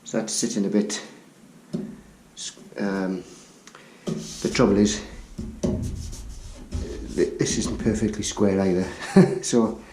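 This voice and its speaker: A man's voice: fairly low pitch, fairly even intonation, slow, pauses often, dark tone. A man talking casually to camera while fitting a door in a small room, chatty and a little out of breath, apologising as he goes. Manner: chatty, self-deprecating, apologetic asides. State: slightly out of breath. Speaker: DIY renovation vlogger. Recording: echoey room with faint noise.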